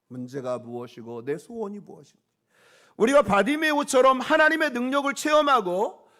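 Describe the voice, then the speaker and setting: A man's voice: high-pitched, a bit bright. A male pastor preaching a sermon, calling out questions to the congregation and pressing his points with emphasis.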